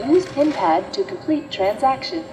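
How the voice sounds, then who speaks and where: A woman's voice: high-pitched, expressive, unhurried, over music. Polite automated self-checkout voice, woman. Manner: polite, clipped instructions. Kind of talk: recorded store checkout prompts.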